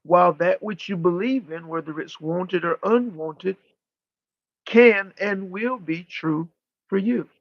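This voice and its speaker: A man channeling spiritual teachings like a seance medium, speaking as a guide in deliberate, formal, emphatic phrases with pauses and repetition, on a muffled recording. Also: high-pitched, no room sound. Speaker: channeler leading a live spiritual session.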